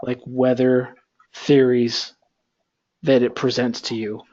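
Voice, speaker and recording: On a video call, a man with a medium-pitched voice takes his time lecturing an online class, wandering along relaxed and heavy on fillers. His computer mic cuts off the highs.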